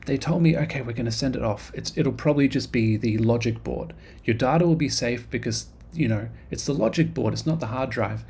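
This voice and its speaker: A man with a medium-pitched, creaky, slightly mellow voice narrates his game development devlog over a screen recording. He rambles casually and puts himself down, often saying "um" and restarting sentences. There's a faint hiss or hum in the background.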